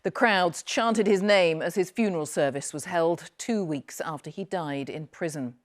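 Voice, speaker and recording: A woman's voice: fairly low pitch, normal speed. A woman reading a scripted news introduction as a presenter.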